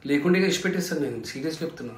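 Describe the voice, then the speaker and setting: A man's voice: fairly high pitch, expressive, rapid-fire. A man, a family vlogger answering viewers' comments in an impassioned, defensive way, full of rhetorical questions.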